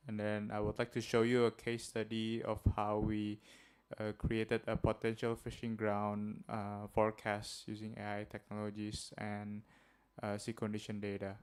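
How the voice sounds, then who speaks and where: A man's voice: lowish voice, completely flat delivery, moderate pace, a little mellow, smooth. A man from Indonesia with an Indonesian accent, giving a friendly workshop presentation with many filler uhs. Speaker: guest presenter. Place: seminar room.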